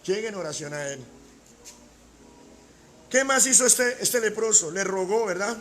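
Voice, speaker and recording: High-voiced male pastor preaching emphatically. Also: animated, measured pace, fairly bright tone. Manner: emphatic preaching, rhetorical questions, repeats key words. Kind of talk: sermon.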